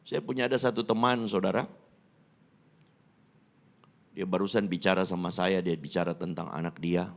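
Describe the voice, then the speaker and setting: A man from Indonesia, a pastor preaching a sermon and telling personal stories, who swings between loud pleading peaks and quiet conversational asides. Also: sits low, steady tone, normal speed, long pauses.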